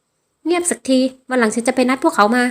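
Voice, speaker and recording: A woman voicing a domineering, controlling young man in a spoken romance story, with slow, clipped, commanding lines. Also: sits high, close to an everyday voice.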